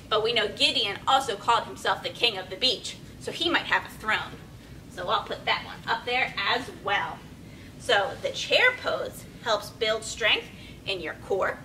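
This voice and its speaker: Her voice is bright and forceful, with lively intonation and a moderate pace, as this young woman teaches yoga to small children at a storytime, demonstrating poses and giving simple, encouraging step-by-step directions. A camera several metres across a small indoor room with padded steps records her, along with rumbly background noise.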